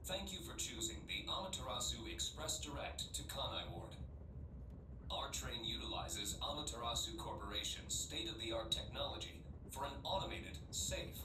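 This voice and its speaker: A polite, formal automated train announcer, voiced by a man, delivering measured notices in a game. He sounds distant, as if heard down a roomy carriage, with clear noise underneath and a bed of ambience. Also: medium pitch, big pitch swings, lightly acted. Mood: calm. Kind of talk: scripted video game announcement.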